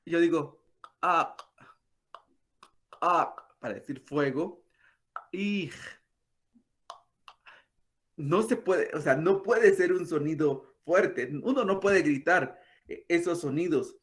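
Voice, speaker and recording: Slow, patient man teaching. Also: fairly high pitch, lively intonation. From Guatemala. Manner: patient, demonstrates soft throaty sounds. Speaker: language teacher. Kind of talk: explanatory talk.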